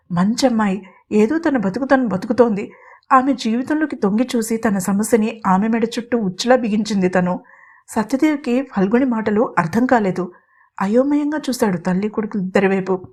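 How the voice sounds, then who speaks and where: A woman hosting her channel and narrating a scripted audio family story in a steady, expressive way. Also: fairly high pitch. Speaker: storyteller and host.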